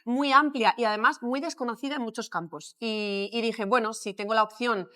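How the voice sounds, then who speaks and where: Spanish woman with a higher voice, pausing often. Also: a bit bright. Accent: Spanish from Spain. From Madrid, Spain. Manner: thoughtful, many pauses and fillers. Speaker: plastic surgeon guest. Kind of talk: podcast interview.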